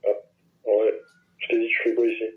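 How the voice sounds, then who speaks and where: A man's voice: fairly low pitch, completely flat delivery, normal speed, narrow, tinny audio. A man on a phone chat line, talking in a blunt, crude and hesitant way.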